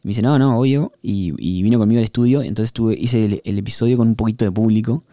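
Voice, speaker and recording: Low, mellow Uruguayan man, rambling. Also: fairly even intonation, fast, no room sound, studio quality. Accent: Uruguayan Spanish. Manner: rambling, slangy, retells conversations. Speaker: podcast host. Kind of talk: casual behind-the-scenes monologue.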